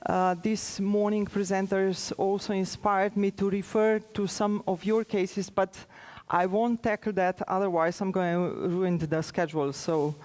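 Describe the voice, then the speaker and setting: Speaking as an official at a conference, this Slovenian-accented woman, a native speaker of Slovenian, presents informally and haltingly, pausing often. She has a medium pitch, a level tone, and a slightly mellow quality.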